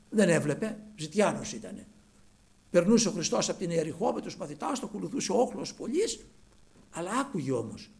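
A man with a creaky voice preaches a sermon, acting out the story's characters in different voices. He swings between low murmurs and loud calls.

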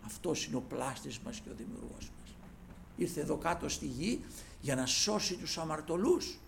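A man preaching a sermon, addressing listeners as brothers and retelling scripture in lofty old phrasing, swinging from loud cries to hushed asides. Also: on the high side, lively intonation, gravelly, a little hiss or hum.

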